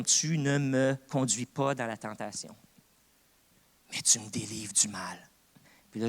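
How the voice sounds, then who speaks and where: A man's voice: on the low side, fairly bright tone. Québécois man preaching earnestly. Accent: Québécois French. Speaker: co-pastor. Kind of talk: sermon. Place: church.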